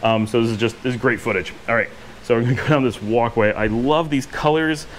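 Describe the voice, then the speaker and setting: Brisk and mid-range, the voice belongs to a vlogger in his forties giving an eager, rambling house tour full of fillers. He films on a handheld action camera at arm's length, and slight background noise is audible. He wanders through indoor and outdoor rooms of a house with a courtyard pool.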